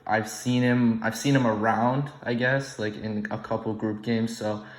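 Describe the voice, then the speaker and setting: A man's voice: fairly low pitch, level tone, measured pace. A young man who was born in the UK, hosting an online game and rambling casually with many ums and restarts. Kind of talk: casual unscripted commentary. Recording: echoey room, poor audio.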